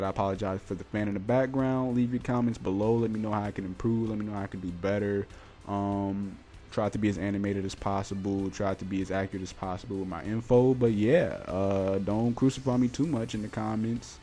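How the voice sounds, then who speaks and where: A man's voice: lowish voice, warm tone, a little hiss or hum. A man hosting his own gaming podcast, talking informally and colloquially in casual solo commentary. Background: music.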